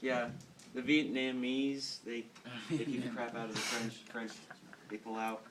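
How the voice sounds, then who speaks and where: Speaking to his classmates, a young American man in his teens or early twenties, a student cadet, tells history stories in a slangy, irreverent, joking way. His mid-range voice is unhurried with little pitch movement, captured by a distant microphone in a noisy room.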